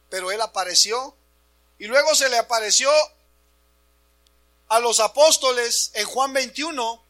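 Pastor guy preaching in church, high bright voice, calls everyone brothers, gets loud, bit of mains hum. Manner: animated, addresses congregation as brothers, shouts for emphasis. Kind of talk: Easter sermon.

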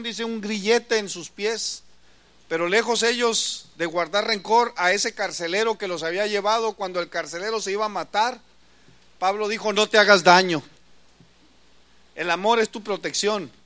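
Man, high voice, impassioned sermon, loud peaks and quiet asides. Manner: impassioned preaching, rising loud on key lines, dropping to soft asides. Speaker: pastor.

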